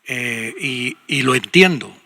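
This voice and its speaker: A man's voice: medium pitch, lively intonation, slow, gravelly, bright, forceful tone, big-room sound. An older man with a Guatemalan Spanish accent, a pastor and radio host giving pastoral counsel in a conversational, emphatic way. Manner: conversational, emphatic, acts out quoted speech.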